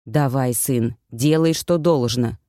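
Solemn immortal sorcerer father, low and grave, voiced by a woman. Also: slow pace, mellow, no room sound, clean studio sound. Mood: urging.

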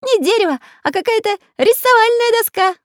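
A woman voicing a cheerful magical pencil who is a quick artist. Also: very high voice, expressive, no room sound, clean studio sound, pitched above the performer's own voice.

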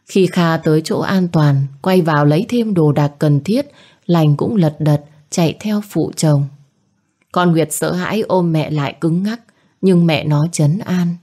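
Low, mellow woman narrating. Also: unhurried. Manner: voices characters by raising pitch for shouted lines. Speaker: storyteller. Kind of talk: scripted narration.

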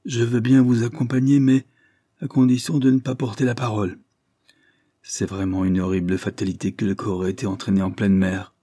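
A man voicing a distraught, nervous young gentleman in a Victorian audiobook, speaking anxiously with excited outbursts. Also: lowish voice, a little fast, dry recording, clean studio sound, natural voice. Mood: agitated.

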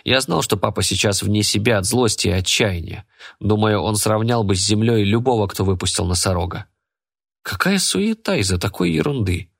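A man reading a first-person story aloud as an audiobook narrator, in an even, measured way. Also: lowish voice, vocal fry.

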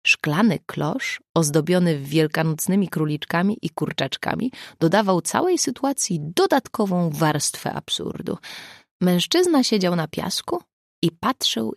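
A woman narrating an audiobook in an expressive storytelling manner. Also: lowish voice, creaky, no echo, clean studio sound.

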